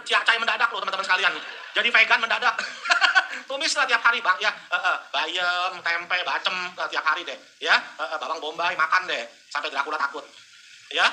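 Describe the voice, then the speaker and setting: A man giving a motivational business seminar to a live audience, joking and teasing the crowd with quick asides. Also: high voice, sharp tone.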